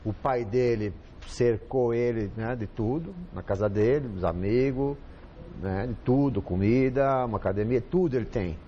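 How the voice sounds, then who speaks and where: A man's voice: mid-range voice, normal speed, highs cut off, slight background noise. A man with a Brazilian accent, a football coach guest chatting casually on a TV panel, rambling and repeating himself with lots of fillers. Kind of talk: casual studio chat.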